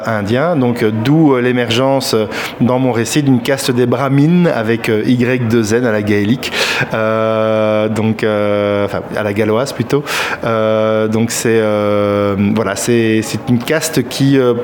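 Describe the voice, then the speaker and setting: A man, a fantasy author answering interview questions thoughtfully, pausing often on fillers as he gathers his thoughts. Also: lowish voice, darkish tone, slight background noise. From Belgium. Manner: thoughtful, hesitant, many filler pauses.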